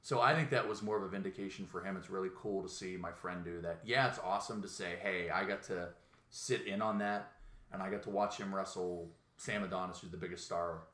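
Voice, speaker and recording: A man's voice: low-pitched, steady tone, fairly quick, pushed and bright, echoey room. A man hosting a podcast in casual chat, telling rambling, profane stories with quoted voices. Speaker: podcast host.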